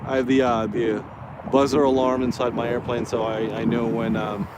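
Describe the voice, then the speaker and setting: A man's voice: mid-range voice, little pitch movement, moderate pace. Man chatting casually through windy outdoor noise. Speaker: radio-control plane vlogger. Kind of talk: casual live commentary while flying a model plane. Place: outdoors by a road in wind. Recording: noisy windy outdoor recording with vehicle sound. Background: wind and outdoor motor noise.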